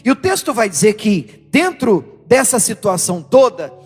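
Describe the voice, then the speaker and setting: Brief: high-pitched male Brazilian preacher, emphatic sermon delivery, reverberant church hall. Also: normal speed, breathy edge, soft background music. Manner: animated, emphatic, with rhetorical questions to the congregation. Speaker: pastor.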